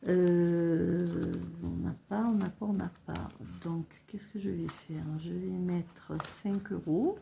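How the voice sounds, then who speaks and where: Slow gravelly-voiced middle-aged woman. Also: on the low side, fairly even intonation, slight background noise. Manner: counts money aloud, thinks out loud with hesitations. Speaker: budgeting vlogger. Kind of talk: casual talk while filling cash envelopes.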